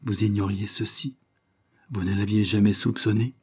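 A man's voice: on the low side, level tone, moderate pace, warm tone, slightly rough. A man reading the part of an anguished young wife in an audiobook, in an urgent, pleading tone. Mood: distressed.

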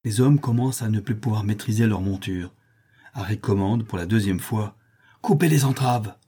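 A male audiobook reader with a low, husky and dark voice. He narrates the story with dramatic, heightened delivery. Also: steady tone, moderate pace. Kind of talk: scripted narration.

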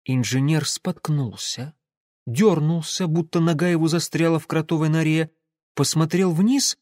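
Brief: male audiobook narrator, intense delivery, slightly high, dry close sound. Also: a little mellow, no room sound. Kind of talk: scripted narration.

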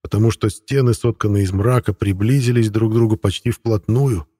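A man's voice: lowish voice, steady tone, brisk, warm tone, slightly rough, no room sound, clean studio sound. A man narrating a first-person audiobook in a wry, conversational storytelling manner.

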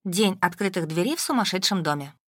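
A woman narrating a first-person audiobook in a wry, even storytelling manner, close to the mic. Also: fairly low pitch, fairly quick, no echo.

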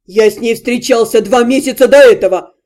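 A woman voicing a loud, indignant young nobleman in an audiobook, whining and protesting. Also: sits high, moderate pace, lightly acted. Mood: outraged, whiny. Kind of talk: audiobook character reading.

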